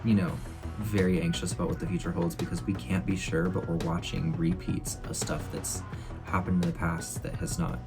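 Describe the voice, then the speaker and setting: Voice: deep voice, creaky. A reaction host with a campy, sassy, slangy way of talking, giving casual commentary on a film.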